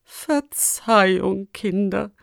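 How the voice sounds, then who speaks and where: A woman doing a shrill, fussy school principal. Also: animated, slow, a little mellow, dry recording, clean studio sound. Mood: feeble. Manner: strident, barking orders, then whimpering. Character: fussy, germ-obsessed male school principal.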